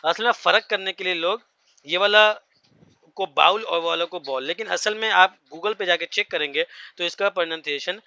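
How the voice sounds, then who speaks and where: Man, English teacher, bright, dry, dull muffled sound. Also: sits high, moderate pace, no echo. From India. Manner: explains each word with repeated checks to the class. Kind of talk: classroom vocabulary lesson.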